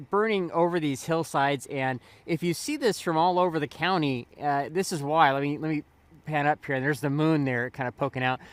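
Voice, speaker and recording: A man reporting live from outdoors at night, casually describing a wildfire while he films it. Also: fairly high pitch. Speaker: news tracker reporter. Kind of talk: live breaking news report.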